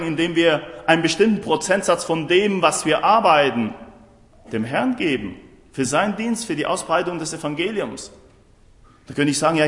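A man's voice: a little high, a bit bright. A man preaching a sermon emphatically, often putting rhetorical questions to his listeners. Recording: roomy hall with long reverb.

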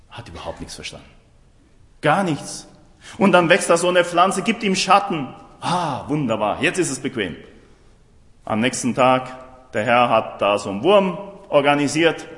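In a roomy hall with long reverb, a man with a mid-range, fairly bright voice delivers an emphatic sermon, frequently posing rhetorical questions to the audience.

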